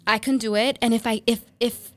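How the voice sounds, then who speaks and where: Woman, 30s, chatty guest with lots of fillers, somewhat high voice, dry close mic. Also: steady tone, brisk, no echo. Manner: chatty, filler-heavy, with many restarts. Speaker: guest, makeup artist and business owner. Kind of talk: casual interview chat.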